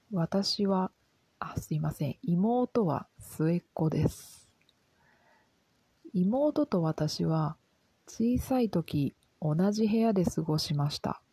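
A soft-spoken woman reading a simple lesson for language learners in a calm, gentle, careful way. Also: fairly low pitch, breathy edge, dry recording, poor audio. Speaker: Japanese language teacher.

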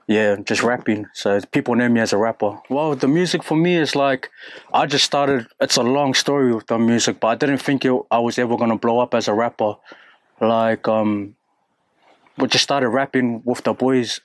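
A young man from New Zealand with a New Zealand accent, talking candidly and haltingly in an interview, with many fillers and restarts. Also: medium pitch, steady tone, dry recording. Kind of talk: casual interview.

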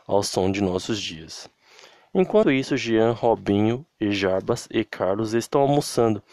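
Low-voiced Brazilian man reading a story. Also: expressive, warm tone, no echo. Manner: plain reading, brisk dialogue tags. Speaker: narrator.

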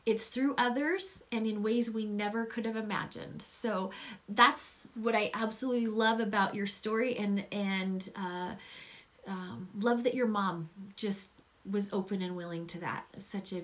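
A middle-aged woman hosting a conversational faith-based interview, encouraging and effusive, rambling gently as she goes. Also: mid-range voice, measured pace. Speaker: podcast host and program coach.

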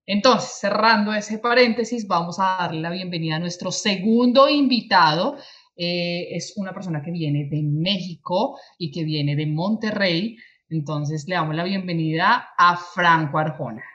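A woman co-hosting a live-streamed talk show, excitable and fast-talking. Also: fairly low pitch, highs cut off. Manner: fast, excitable, laughs easily. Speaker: co-host.

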